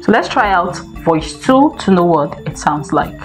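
A woman with a somewhat low voice guides viewers through a screen-recorded software tutorial one step at a time. Her delivery is steady and instructional, with faint music underneath. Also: normal speed. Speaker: tech tutorial host.

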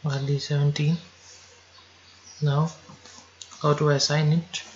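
A man giving slow, step-by-step software instructions over a screen recording, now and then correcting himself. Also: on the high side, little pitch movement, dull audio, slight background noise.

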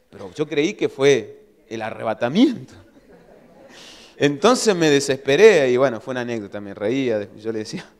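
A man preaching a sermon as pastor, telling stories in a lively way and acting out his own shouts. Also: a little high. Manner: animated storytelling, acts out his own shouting. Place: church hall. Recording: long church hall reverb.

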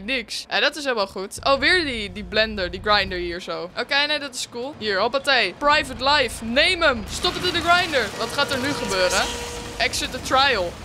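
A woman's voice: fairly high pitch, bright, forceful tone, a little hiss or hum. A woman hosting a horror game let's play, narrating her moves and exclaiming at every scare. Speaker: gaming video host.

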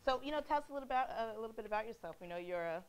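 A woman's voice: a little high, animated, racing, clean tone. A woman hosting a casual talk show, playful and giggly, echoing her guests' words back to them. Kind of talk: casual chat show interview.

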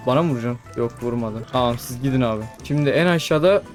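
A young man giving casual commentary over his own gameplay, chatting to the creatures on screen and breaking into excited exclamations. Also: mid-range voice, fast. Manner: chatty, talks to mobs, frequent excited exclamations. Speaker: gaming YouTuber. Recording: faint background music.

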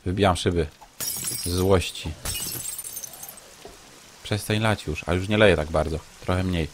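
A man with a lowish voice talks slowly through his game, grumbling and tossing off sarcastic remarks to himself. His commentary stays casual and unhurried. Faint rain from the game patters behind him. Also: background noise. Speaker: let's play gamer.

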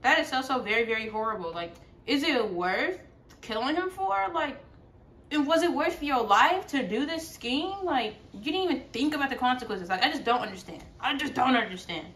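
A woman hosting a reaction video, chatty and exclaiming, quick to laugh at what she watches. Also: sits high, animated, a bit bright, soft background music. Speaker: video host reacting to a series. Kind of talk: casual reaction commentary.

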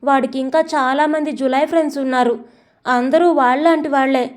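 A scared, tearful teenage daughter pleading with her mother in a storybook reading, as a woman reads her part. The voice sits high and light, upset and close to sobbing. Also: steady tone, brisk, lightly acted. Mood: frightened pleading.

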